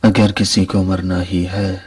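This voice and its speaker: A man voicing a grim, bitter figure in a dubbed historical drama, speaking slowly. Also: low-pitched, little pitch movement, a little mellow, husky, no echo, recorded from a distance.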